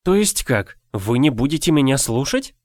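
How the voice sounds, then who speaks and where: A man voicing a stubborn, indignant young noble wife in an audiobook, speaking high and insistently. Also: expressive, moderate pace, no echo, studio quality, natural voice.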